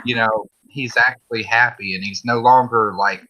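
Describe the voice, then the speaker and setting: A man's voice: medium pitch, steady tone, moderate pace, bright, forceful tone, a little hiss or hum. A man hosting a casual stream chat, heated and opinionated, swearing freely. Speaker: stream host. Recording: dull lo-fi stream audio.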